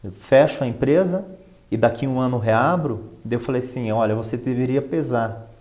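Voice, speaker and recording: This Brazilian expert guest, a finance professional and professor, talks at a moderate pace in a mid-range, darkish voice. He keeps things conversational, explaining with emphatic repetition and rhetorical questions.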